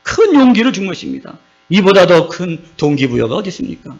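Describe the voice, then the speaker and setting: A man's voice: high voice, big pitch swings, brisk. A male pastor preaching a sermon, keeps putting questions to his congregation and acts out the voices he quotes. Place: church sanctuary. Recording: dull lo-fi recording with mains hum.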